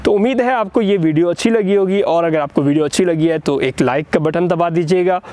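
Young man, Pakistani Urdu accent, high-pitched voice, outdoor site walk-through, lapel mic, many fillers. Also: brisk, darkish tone. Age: young adult. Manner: talks to camera with frequent "uh" fillers and restarts. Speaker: property channel host. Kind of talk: on-site real estate update. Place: outdoors on a construction site street.

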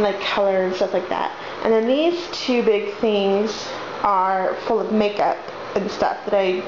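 A woman in her twenties chatting casually as she walks a handheld camera through her home, rambling and poking fun at her own clutter. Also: medium pitch. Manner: chatty, self-deprecating, rambling asides. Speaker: vlogger. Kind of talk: casual house tour vlog. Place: home, walking through rooms. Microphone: handheld camera mic. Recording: dull lo-fi camera audio with household noise.

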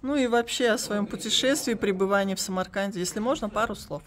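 A woman's voice: medium pitch, fast. A woman, chatting casually as a travel vlogger and guide out and about. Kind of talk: casual on-location vlog chat. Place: busy open-air bazaar.

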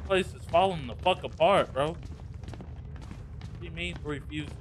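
Hyped high-pitched gamer bro. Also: male voice, moderate pace, slight background noise. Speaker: gaming video host. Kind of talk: horror game let's play commentary.

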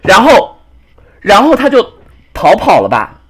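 A man's voice: high voice, huge pitch swings, measured pace, a bit bright, slightly rough. A young man retelling a frustrating online card game match in a casual, exasperated rant, often restarting his sentences. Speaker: game commentator. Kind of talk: casual gameplay storytelling.

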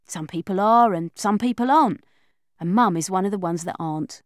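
In a mid-range voice and at a slightly fast clip, a woman narrates a children's audiobook as a first-person young girl. Her delivery is lively, chatty and confiding, like a schoolgirl sharing secrets, recorded with no echo at studio quality.

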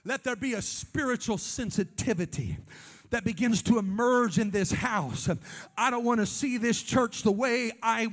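A man preaching a Pentecostal sermon in a church, swinging between fervent shouts and hushed asides and calling on the congregation for amens. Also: extremely high pitch, moderate pace. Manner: calls on the congregation for amens and responses. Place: church sanctuary before a congregation.

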